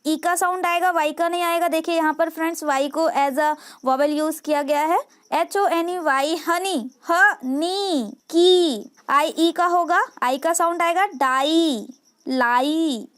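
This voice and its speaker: A woman teaching English phonics to parents, spelling out letters and sounding out words one by one. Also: extremely high pitch. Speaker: home tutor teaching English reading.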